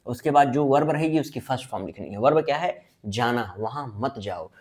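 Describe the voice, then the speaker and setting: A male teacher gives a blackboard-style grammar lesson in a voice of ordinary, middling pitch. He keeps asking his listeners questions and answering them himself, repeating each answer. He slows right down and stretches out each example sentence. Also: lively intonation. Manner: drawn-out emphasis on example sentences. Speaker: English teacher.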